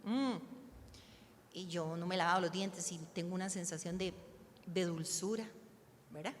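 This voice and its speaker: A woman's voice: fairly low pitch, normal speed. A woman teaching a church class on prayer in a conversational way, often checking in with her listeners. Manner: conversational, keeps asking "¿verdad?" to the listeners. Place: church hall. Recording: reverberant hall, faint background noise.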